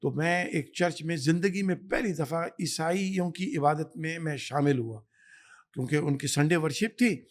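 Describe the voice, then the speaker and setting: A man, an imam and guest scholar, speaking emphatically in a podcast interview, preaching and telling stories. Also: fairly high pitch. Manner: emphatic, storytelling, exhorting. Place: Canada.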